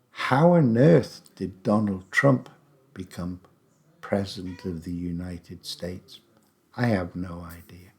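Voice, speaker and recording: A man in his seventies from England, who hosts a podcast and teaches English, talks about himself in a loose, rambling, chatty way with wry asides. His voice is low and a little mellow.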